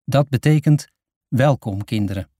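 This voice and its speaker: A man voicing a large, cheerful woman official who speaks halting, broken Dutch in an audiobook. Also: on the high side, big pitch swings, mellow, no room sound, voice pushed up. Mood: friendly. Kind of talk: audiobook character voice.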